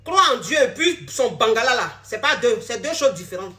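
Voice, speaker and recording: High bright-voiced woman, blunt and scolding, repeats herself a lot. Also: animated, normal speed. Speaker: relationship coach. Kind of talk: direct-to-camera social media talk.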